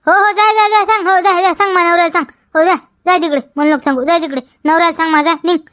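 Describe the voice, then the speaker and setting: A woman's voice: extremely high pitch, steady tone, racing, a bit bright, no echo, clean studio sound. A woman with a Vidarbha Marathi accent playing a quarrelsome village wife who argues back and repeats her questions in a comedy sketch. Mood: dismissive. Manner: argumentative, repeats questions, tags "हा?".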